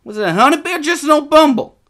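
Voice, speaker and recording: A man acts out an excitable young boy from a storybook, his voice high, sharp, and quick. The character teases and taunts with lots of exclamations, squabbling like a brother out in the woods.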